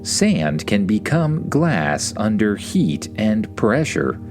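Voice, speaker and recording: A man voicing a calm, matter-of-fact spaceship computer reporting findings in a bedtime story. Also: on the low side, slow, over music. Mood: calm, informative.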